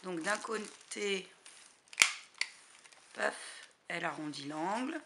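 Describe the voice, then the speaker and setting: A crafting vlogger chats casually through a craft haul, sounding hesitant and using lots of fillers. Her voice is on the low side and animated, and she takes her time. A noisy hiss runs through the background of the recording.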